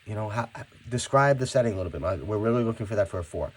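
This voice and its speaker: A man's voice: lowish voice, rapid-fire. A male teacher talking students through finishing and checking a class project, in a conversational way that often repeats words as he starts a sentence. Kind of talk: classroom instruction video.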